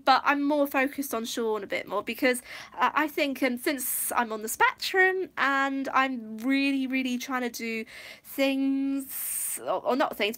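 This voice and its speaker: A woman's voice: high voice, fairly bright tone. A woman from Wales hosting a casual livestream review, rambling and easily distracted, with many fillers and restarts. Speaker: livestream host. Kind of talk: casual live review chat.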